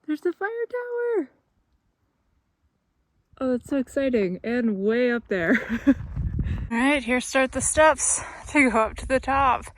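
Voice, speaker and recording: A woman's voice: high-pitched, sing-song, takes it slowly, long pauses. A young adult woman chatting casually to her camera outdoors on a mountain hiking trail. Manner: chatty and upbeat, talking to the camera while walking. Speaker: hiking vlogger. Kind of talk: casual trail vlog narration.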